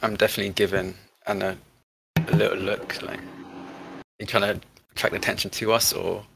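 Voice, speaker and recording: A man's voice: on the low side, level tone, fairly quick, vocal fry, noisy background. A man casually improvising as a player in a tabletop role-playing game. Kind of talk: casual improvised character description.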